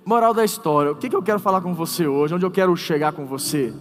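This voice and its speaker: A man preaches to his congregation, telling a funny story and asking them questions. His voice is fairly high, with long reverb from the church hall. Soft instrumental music plays in the background. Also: fast. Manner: lively, joking, talks to the congregation. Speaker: pastor. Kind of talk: sermon with humorous storytelling.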